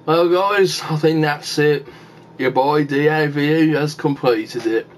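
A man's voice: fairly high pitch, a little slow, a little hiss or hum. Rambling chatty male vlogger. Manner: rambling and chatty, often addressing viewers as guys. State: mouth full of sour candy. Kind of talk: casual vlog chat. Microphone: handheld camera.

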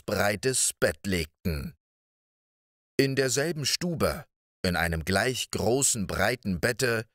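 A man narrating a fairy tale slowly and gently, as if for sleep, with a lively, rising and falling delivery. The recording is close and dry, with no room sound. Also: lowish voice, dry recording. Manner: slow and expressive, voicing each character. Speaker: audiobook narrator.

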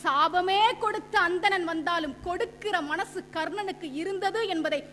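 A woman's voice: very high-pitched, moderate pace, a bit bright. Woman speaking in a stage debate, acts out little stories, long hall reverb, faint mains hum in the background. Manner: quotes scripture and poetry, acts out anecdotes.

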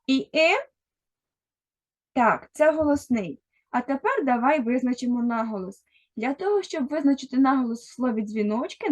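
A woman's voice: on the high side, a little mellow. A woman teaching a first-grade literacy lesson, speaking patiently and directly to a young child. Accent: Ukrainian. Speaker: primary school teacher.

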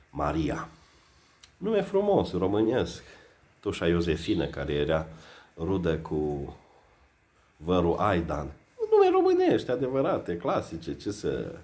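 Sarcastic man. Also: pauses often. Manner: sarcastic, mocking, lively swings in pitch. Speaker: satirical vlogger. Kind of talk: satirical news commentary.

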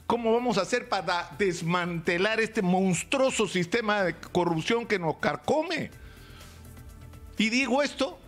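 A man's voice: high voice, fairly bright tone. An older man with a Peruvian accent giving emphatic live opinion commentary in a small radio studio, close to a stand mic, gesturing and firing off rhetorical questions. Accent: Peruvian Spanish. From Peru.

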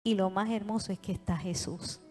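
A woman with a Puerto Rican Spanish accent preaching a sermon in a church, animated and calling on the congregation to answer and repeat after her. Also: mid-range voice, normal speed. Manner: animated, call-and-response with the congregation. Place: church sanctuary. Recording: long hall reverb.

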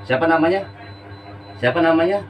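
A man's voice: fairly high pitch, fairly quick. A man, a spiritual practitioner, giving short, repeated coaxing commands during a live demonstration. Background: background music.

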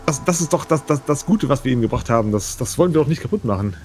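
A man's voice: medium pitch, lively intonation, very fast, darkish tone, soft background music, lightly acted. A man voicing a small, anxious Egyptian companion who stammers and pleads. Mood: pleading.

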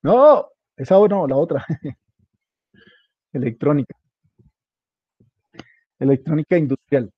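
A man walks a student through a task, casual and hands-on, spelling out every detail. His voice sits a bit high. The sound is dull and lo-fi, close and dry. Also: expressive, takes it slowly, pauses often, no echo. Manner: informal, coaching, spells out details. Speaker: instructor. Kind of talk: guiding a student through a web page setup.

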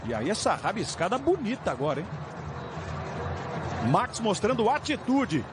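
A Brazilian man doing explosive football goal commentary, stretching and shouting his calls at chances. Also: high voice, big pitch swings, normal speed. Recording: noisy stadium match broadcast.

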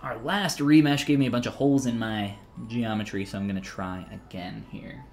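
A man's voice: on the low side, steady tone, normal speed, darkish tone, soft background music. A man in his thirties, talking casually and joking while he teaches 3D sculpting on a live stream, reading chat messages aloud between steps.

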